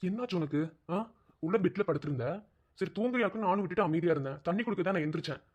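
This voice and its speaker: A man voicing a husky, fast-talking worried husband. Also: high voice, a little mellow, muffled recording. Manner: anxious, repetitive questioning. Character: worried village husband, baffled and pleading. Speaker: cartoon voice actor. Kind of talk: animated drama dialogue.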